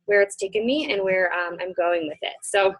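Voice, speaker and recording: A young woman from Michigan hosts a casual webinar from a room at home, talking into her computer mic. Her mid-range voice has lively intonation and a moderate pace, and she's chatty, full of ums, and a little out of breath.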